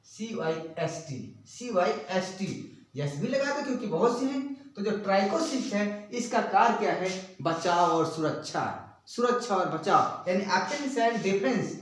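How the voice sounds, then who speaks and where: A man's voice: high voice, expressive, unhurried, distant mic. A man teaching a biology lesson, who keeps asking and repeating questions and spells out terms letter by letter as he writes. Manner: repeats and quizzes students with rhetorical questions. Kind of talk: classroom-style lesson at a board. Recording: very echoey room, speaking away from the mic.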